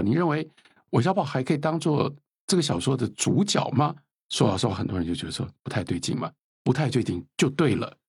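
A man in his fifties, an author and lecturer, speaking in an earnest, animated lecturing way as an interview guest. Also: lowish voice, vocal fry, husky, no echo, studio quality. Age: 50s. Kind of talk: reflective interview talk.

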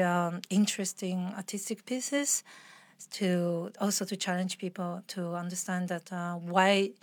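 In a fairly low voice, a woman with a blended international accent reflects earnestly as an interview guest, expressing her thoughts with feeling in a conversational exchange. The audio is very dry, with barely any room sound.

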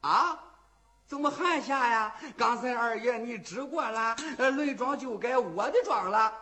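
A man voicing a fawning old gambling-den cheat who stammers and pleads, in a fast-clapper storytelling performance. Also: very high voice, bright, forceful tone, voice pushed up, heavily acted. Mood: protesting.

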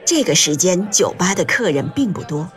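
A woman reading an audiobook aloud in gentle, measured scripted narration. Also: fairly low pitch, big pitch swings, soft background music.

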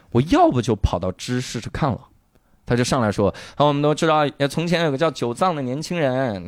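A man casually retelling a drama's plot on a chat show, acting out the characters' lines and bursting into loud swearing at the emotional moments. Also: mid-range voice, dry recording, clean studio sound. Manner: animated storytelling, acts out lines with loud swearing outbursts. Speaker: podcast co-host.

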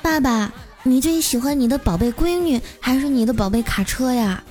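A cheeky six-year-old girl speaks in a raised, sweet voice that slyly wheedles, played by a woman narrator. She comes from a storybook radio tale, with soft music playing faintly behind her. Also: high voice, expressive, normal speed, pitched above the performer's own voice. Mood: wheedling.

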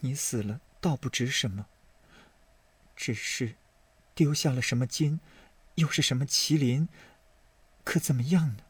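A frail young noblewoman, played by a man, murmurs in a hushed, raised voice. Her words tease and reproach, soft yet sharp-tongued. The audiobook sound is dry and close, with a faint huskiness. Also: medium pitch, a little slow, pauses often, husky, dry recording, voice pushed up. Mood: soft reproachful. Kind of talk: audiobook character voice.

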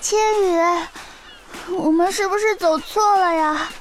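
A woman's voice: extremely high pitch, a little slow, a little hiss or hum. A woman voicing a clingy, easily frightened little girl who pleads and whines at her older sister, over background music. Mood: worried. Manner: pleading, whiny childlike asking. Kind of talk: amateur audio drama.

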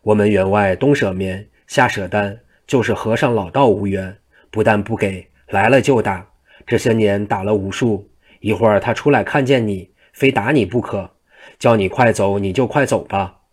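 A man's voice: lowish voice, moderate pace, slightly rough. A man doing a kindly old servant. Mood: earnest. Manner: earnest, pleading. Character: old male household servant, patient and kindly.

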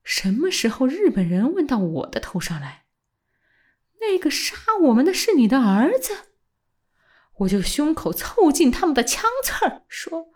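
A woman voicing an old male scholar with a husky voice, speaking low and hushed, almost whispering, then rising into fierce passion.

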